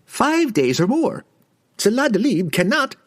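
A jittery, fawning merchant. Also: male voice, extremely high pitch, sing-song, unhurried, pitched above the performer's own voice, heavily acted. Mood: nervous, fawning. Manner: stammering, giggling, broken grammar. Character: nervous fawning male merchant, broken speech.

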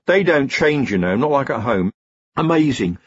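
A male narrator voicing a nervous, wry male wizard in an audiobook, talking in a chatty, evasive way with a husky voice. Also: medium pitch, expressive, moderate pace, dry recording, pitched above the performer's own voice. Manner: chatty, evasive and wryly anxious. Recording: slightly dull, muffled recording.

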